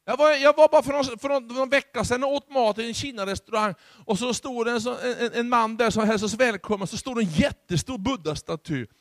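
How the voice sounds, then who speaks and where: Swedish male pastor, charismatic sermon, high-pitched, dry close sound, hushed asides rising to loud exhortation. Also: hardly any pauses, no room sound.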